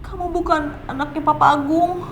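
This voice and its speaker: A woman's voice: high voice, fairly even intonation, reverberant, soft background music. A protective scolding mother. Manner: scolding, quick, then soothing. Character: protective middle-aged mother, scolding yet gentle.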